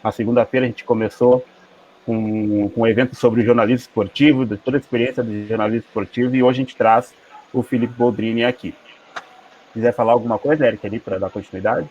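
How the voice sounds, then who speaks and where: Fast-talking husky Brazilian man. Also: mid-range voice, steady tone, a little mellow. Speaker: host of an online student event. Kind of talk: casual unscripted hosting. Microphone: video call. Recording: dull lo-fi call audio.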